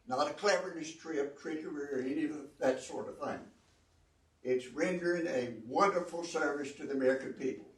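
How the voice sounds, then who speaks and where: An older man gives an earnest, folksy talk about running a business. He repeats key phrases for emphasis. He stands back from the microphone, and his voice rings in a roomy hall. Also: medium pitch. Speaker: guest speaker, entrepreneur. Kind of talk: informal talk to a student audience. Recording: roomy echo, distant mic.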